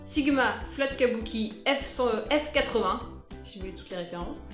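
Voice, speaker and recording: Young woman, beauty vlogger, higher voice, playful casual chat, echoey room, soft music behind. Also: normal speed. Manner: chatty, playful, bursts into sung asides. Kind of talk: casual product review.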